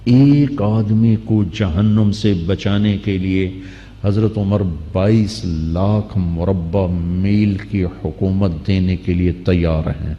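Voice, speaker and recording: A man's voice: low-pitched, highs cut off. Man preaching in a reverberant hall. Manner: storytelling with acted dialogue, rising to animated outbursts. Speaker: Islamic preacher. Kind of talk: sermon.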